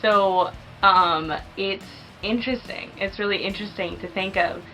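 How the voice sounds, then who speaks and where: A woman's voice: medium pitch, steady tone, normal speed, sharp tone, faint music behind, rough recording. A young woman chatting casually and enthusiastically as she reviews a movie, peppering her talk with fillers.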